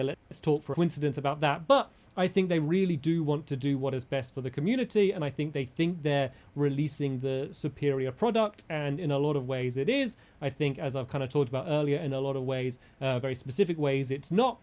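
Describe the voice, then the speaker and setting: Man, slightly higher voice, measured casual commentary, diplomatic, careful qualifications. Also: a little mellow. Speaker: gaming content creator.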